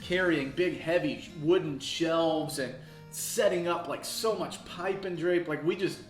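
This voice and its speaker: A man's voice: on the high side, unhurried. Man, 30s, pastor, casual storyteller, self-deprecating, echoey room, faint music. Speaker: campus pastor. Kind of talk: casual interview over food.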